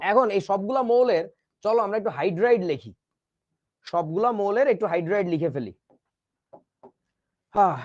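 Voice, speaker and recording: A man's voice: sits high, a little mellow, no room sound. A man teaching chemistry in a lecture, joking around and spelling out words letter by letter. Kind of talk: classroom lecture. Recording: dull, dry recording.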